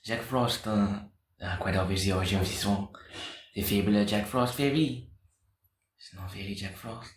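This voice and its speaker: A man co-hosting a casual chat about game design, soft-spoken and trailing off quietly. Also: fairly low pitch, normal speed, reverberant. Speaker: podcast co-host.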